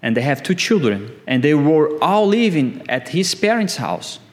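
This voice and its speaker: A man preaching a sermon in slow, emphatic phrases, his voice climbing on the key words. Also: fairly high pitch, sing-song. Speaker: pastor.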